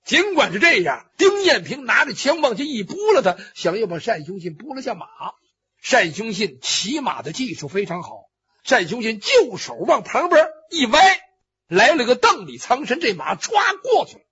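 A man's voice: extremely high pitch, big pitch swings, normal speed, bright, forceful tone, slightly rough. A man telling a traditional Chinese story vividly, with spoken sound effects and acted cries. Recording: dull lo-fi recording.

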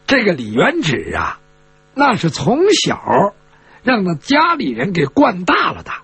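A male storyteller tells a martial tale in a lively, expressive way, with chatty asides. His voice is husky and rather high, with a wildly swooping pitch. The sound is dry and close. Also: measured pace, dry recording. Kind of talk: traditional storytelling performance.

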